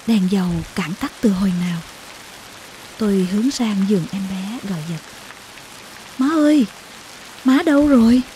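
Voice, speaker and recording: A woman reading a heartfelt story aloud as a narrator, slow and tender in her storytelling. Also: mid-range voice, warm tone, a little hiss or hum. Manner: slow, tender storytelling with emotional acted quotes. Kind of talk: scripted audiobook narration.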